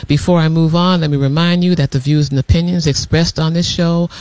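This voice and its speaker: A man's voice: fairly high pitch, steady tone, fairly quick, darkish tone, smooth, dry recording. A man hosting a college radio talk show, introducing and interviewing a guest with enthusiasm.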